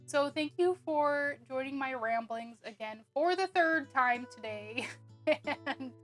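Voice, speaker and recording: A woman's voice: high voice, takes it slowly, a bit bright, faint music behind. A woman narrating a casual homemaking vlog, chatty and rambling with frequent ums and little laughs. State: hiccuping. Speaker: homemaking vlogger.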